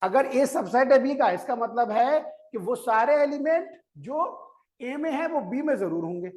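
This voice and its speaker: A male maths teacher speaks at a measured pace in a very high, expressive voice with a darkish tone. Coaxing his class, he quizzes them again and again, repeats each key step, and asks them to listen before writing.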